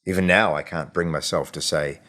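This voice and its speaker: In a rumbling low voice, a man narrates a short story from an audiobook script. He reads expressively and steadily, pausing with deliberate care.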